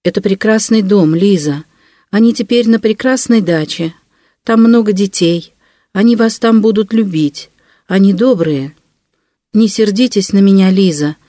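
A narrator voicing an agitated, gentle man who pleads earnestly as he soothes a girl in an audiobook. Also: medium pitch, measured pace, no echo, clean studio sound, natural voice. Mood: pleading.

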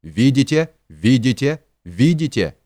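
A man's voice: mid-range voice, measured pace, no room sound, studio quality, lightly acted. A man voicing a pompous, hypocritical middle-aged man who preaches and shrieks in indignation. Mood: shrieking.

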